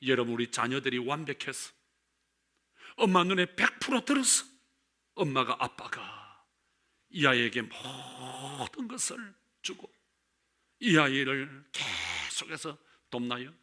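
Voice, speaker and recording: Male pastor, Sunday sermon; bright, sharp tone, very lively pitch, emphatic with sudden hushed drops. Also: measured pace, long pauses. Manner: emphatic, swings between loud and hushed.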